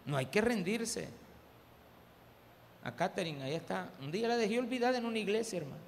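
A Salvadoran man preaches to his congregation, slipping into jokey anecdotes and calling out "hermano". His voice sits high with a rough, gravelly edge. The recording carries a long church-hall reverb over faint background noise. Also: lively intonation, brisk. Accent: Salvadoran Spanish. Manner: humorous storytelling, addresses the congregation as "hermano". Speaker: pastor. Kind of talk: sermon with personal anecdotes. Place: church service.

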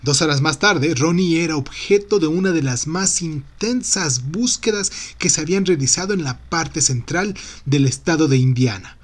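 Higher-pitched man narrating a mystery story. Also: expressive, normal speed, hardly any pauses. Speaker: podcast host and narrator.

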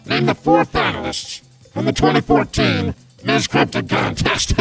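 Krampus, as a man puts him on, gravelly and cackling. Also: very deep voice, huge pitch swings, slow pace, a bit bright, soft background music, full character voice. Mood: gleeful menace. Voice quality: gravelly, growling rasp. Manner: mocking, cackling, rambling menace. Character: gleeful child-eating male Christmas demon, gruff and boastful. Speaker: show host.

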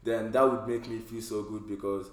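A man's voice: on the low side, little pitch movement, normal speed. A man leading a casual group discussion, talking loosely with lots of "like" and "you know". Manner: conversational, many fillers like "like" and "you know". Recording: echoey room.

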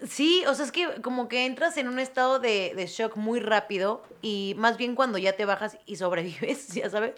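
A young Mexican woman co-hosting a podcast in casual chat, playful and quick to tease. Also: a little high, fairly bright tone. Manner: playful teasing, laughs often. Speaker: podcast co-host.

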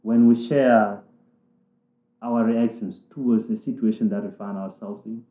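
A man from South Sudan, speaking in a thoughtful, halting way with restarts as he interviews people in a reflective conversation. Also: on the low side, fairly even intonation. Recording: echoey room, tinny phone-like sound.

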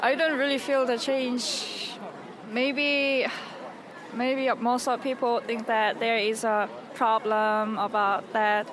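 A woman with a Korean accent, speaking English as a second language, answering a street interview slowly and carefully. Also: fairly high pitch, level tone. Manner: slow, careful, thoughtful. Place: city street outdoors. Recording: busy street crowd noise.

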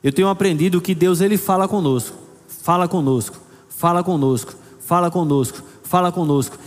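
High-voiced male pastor preaching in a hall. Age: middle-aged. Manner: preaching with rising emphasis and slow scripture reading. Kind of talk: sermon. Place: church hall. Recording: long hall reverb with faint music.

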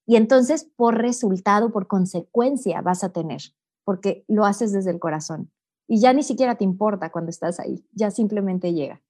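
A middle-aged woman talks calmly and warmly as an interview guest, leaning into a patient, teacherly tone. She checks in with her listener often and lets her points land slowly. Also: mid-range voice. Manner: calm, teacherly, with many "¿no?" tags. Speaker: guest, personal growth coach. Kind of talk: reflective interview talk.

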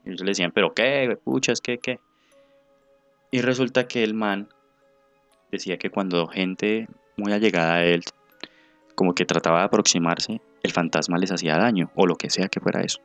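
A man with a Colombian accent, co-hosting a podcast and telling a ghost story in animated, slangy chat, acting out the people he quotes. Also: low-pitched, fairly quick, no room sound, faint music behind. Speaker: podcast co-host. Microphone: remote call mic.

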